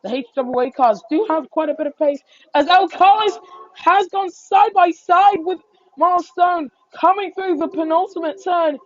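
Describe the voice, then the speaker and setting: A high-voiced woman works as a motorsport commentator, calling a race live. Her delivery follows the action and lifts with it. The sound is dull and slightly lo-fi. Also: normal speed, dry recording. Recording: dull lo-fi microphone.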